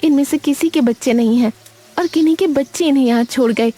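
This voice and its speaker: A woman's voice: sits high, fast talker, warm tone, voice pushed up, close to an everyday voice. A woman voicing a young female caretaker at an old age home, explaining things in a friendly way.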